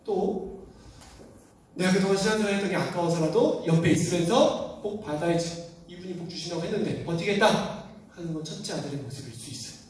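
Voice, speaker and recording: A man, a youth pastor, giving a lively sermon to teenagers and acting out the quoted voices as he tells the story. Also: high voice, fairly quick. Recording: roomy echo, distant mic.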